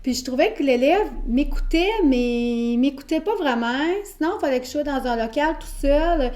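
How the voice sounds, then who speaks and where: An elementary school teacher with a Québécois French accent explains her teaching method in an interview. She is patient and explanatory but hesitates often. Her voice sits high and a little mellow, at a normal speed.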